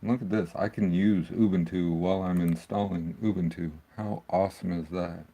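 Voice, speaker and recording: A man's voice: deep voice, fairly even intonation, normal speed, gravelly, mellow. A man hosting a casual tech walkthrough, rambling and thinking aloud as he works at his computer. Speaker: tech video host. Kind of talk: casual screen-recording walkthrough.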